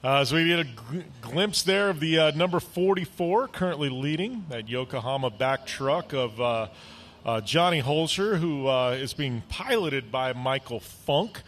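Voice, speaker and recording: A man calling live off-road race action as play-by-play commentator, getting excitable in close battles. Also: mid-range voice, unhurried. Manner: excitable, rises sharply during close racing.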